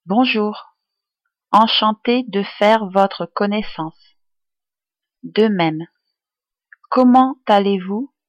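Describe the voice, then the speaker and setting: A woman tutor reading useful phrases aloud for learners, enunciating each one clearly and deliberately. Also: medium pitch, no room sound, lo-fi sound. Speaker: language tutor.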